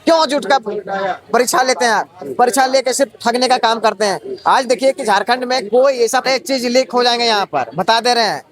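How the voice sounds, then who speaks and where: A young male exam candidate from Jharkhand speaks in a street interview. His voice sits very high and he talks quickly, piling up indignant rhetorical questions. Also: fairly bright tone.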